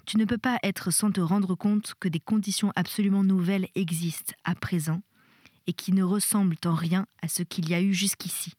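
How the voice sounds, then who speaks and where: A woman reading the part of a weary middle-aged husband who lectures his wife in a measured, insistent way. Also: high voice, fairly even intonation, darkish tone, dry recording, clean studio sound. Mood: lecturing.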